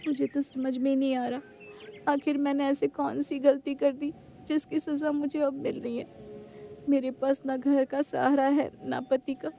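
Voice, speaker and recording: A woman's voice: very high voice, steady tone, unhurried, pauses often, a little mellow. A woman voicing a young, suffering wife in a cartoon story, talking in a pleading, tearful way. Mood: despairing. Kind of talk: Hindi cartoon story voice acting.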